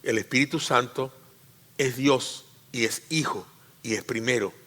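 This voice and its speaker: A male pastor preaching a teaching sermon in church, repeating phrases, asking the congregation questions, and swinging between emphatic loud peaks and quiet asides. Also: mid-range voice, measured pace. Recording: reverberant hall.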